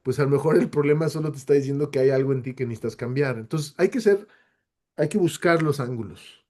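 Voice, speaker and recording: Mellow-voiced man explaining on a webinar. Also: medium pitch, fast talker. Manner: explanatory, with frequent rhetorical questions and fillers. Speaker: webinar guest speaker. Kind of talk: answering audience questions in a webinar.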